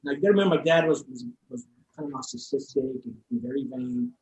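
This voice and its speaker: A man tells his own story on a podcast in a slightly higher register. He speaks openly and with feeling. He often stops, repeats words and starts his sentences over. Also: big pitch swings, fast, vocal fry, darkish tone, poor audio. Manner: heartfelt and open. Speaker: interview guest. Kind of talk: personal storytelling in a podcast conversation.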